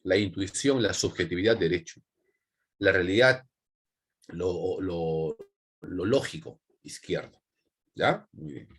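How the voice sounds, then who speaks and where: A man with a Peruvian accent teaching an online class, repeating key points and checking in with quick tags. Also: deep voice, expressive, breathy edge. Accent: Peruvian Spanish. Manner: repetitive, with frequent check-in tags.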